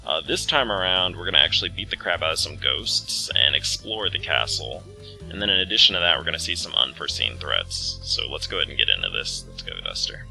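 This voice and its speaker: Very deep, gravelly man doing game commentary. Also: animated, brisk, sharp tone, soft background music, low-quality recording. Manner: rambling, self-deprecating, mildly sweary. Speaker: let's play host. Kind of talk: casual video game commentary.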